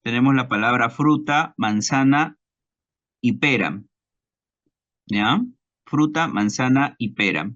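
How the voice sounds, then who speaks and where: A man with a Peruvian Spanish accent teaching a recorded class lecture, slow and deliberate, repeating examples and checking understanding with tag questions. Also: medium pitch, lively intonation, a bit bright, muffled recording.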